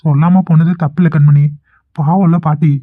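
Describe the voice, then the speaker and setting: A man's voice: fairly high pitch, fairly even intonation, moderate pace, dry recording, lightly acted. A man voicing a caring young husband, thin phone-like sound. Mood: earnest. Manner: earnest, caring. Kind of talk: cartoon voice acting.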